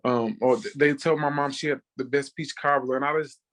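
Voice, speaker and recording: This man is a chef from Texas in the United States, in his thirties, appearing as a podcast guest. He recounts personal stories casually and briskly. His voice is mid-range and a bit bright, with fairly even intonation.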